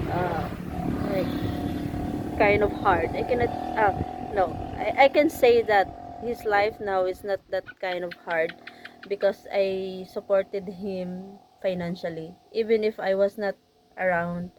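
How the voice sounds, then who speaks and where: A woman with a Filipino accent giving a personal interview outdoors by a road, earnest and halting in her English. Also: mid-range voice, fairly even intonation. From Philippines. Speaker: interviewee and channel co-host. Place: outdoors beside a busy road. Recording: clear traffic noise outdoors. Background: vehicles passing.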